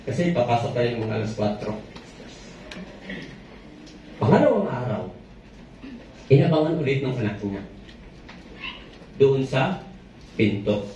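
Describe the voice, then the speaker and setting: A man's voice: medium pitch, sing-song, measured pace, pauses often, warm tone, a little hiss or hum. A man telling a story to a live audience, playful and joking with his listeners between scenes. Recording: echoey, dull, from far off.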